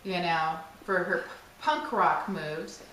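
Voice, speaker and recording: Casual woman craft co-host, jokey, distant camera mic in a boomy room. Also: slow, fairly bright tone. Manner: joking, chatty, self-mocking. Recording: echoey room, distant mic, faint hiss.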